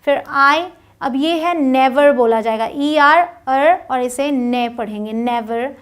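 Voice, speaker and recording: Woman teaching english sounds, high voice, slow and careful, spells stuff out letter by letter. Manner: spells out letters, then says words slowly and clearly. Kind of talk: phonics lesson.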